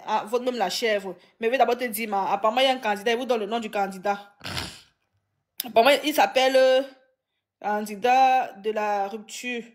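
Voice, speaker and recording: A woman with a high, lifted voice hosts a casual live stream. She talks in animated bursts, full of dramatic exclamations.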